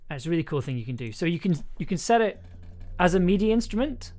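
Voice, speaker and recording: Chatting casually on a livestream, an enthusiastic and playful music producer rambles a little and thinks out loud as he works, while synth music and keyboard clicks play behind him. The voice is mid-range, very animated, fast-paced and darkish in tone.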